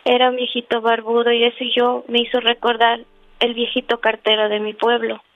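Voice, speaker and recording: A woman caller tells her story earnestly and devoutly, filling pauses as she goes. Her fairly high voice comes through a thin, dry phone line. Soft music plays underneath. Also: monotone, dry recording. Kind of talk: telling a personal story on a call-in radio show.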